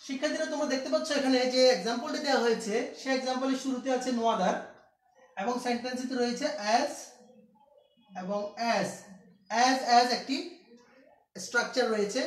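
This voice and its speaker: A man's voice: very high-pitched, fairly quick. A man teaching an English grammar lesson, repeating key steps and asking his students questions. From Bangladesh. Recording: echoey room, distant mic.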